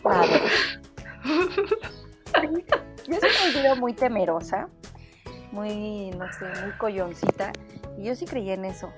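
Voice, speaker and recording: A young woman with a Mexican Spanish accent in a teasing casual chat, at times dropping to a soft murmur. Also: medium pitch, animated, takes it slowly, pauses often. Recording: clear background music.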